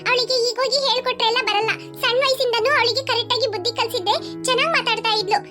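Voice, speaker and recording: A woman voicing a meek, mistreated young girl in a cartoon, talking softly, over loud background music. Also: very high voice, steady tone, very fast. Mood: pleading. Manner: soft, meek, gentle. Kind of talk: cartoon voice acting.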